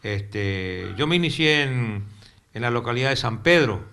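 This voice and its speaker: A man's voice: medium pitch, animated, a little slow, vocal fry, bright, forceful tone, smooth. An older retired teacher from northeastern Argentina with a Corrientes accent, recalling his career in a rambling way that repeats words as he searches for them. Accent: Argentine Spanish, Corrientes. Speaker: retired teacher, interview guest. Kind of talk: casual interview. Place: local cable TV studio.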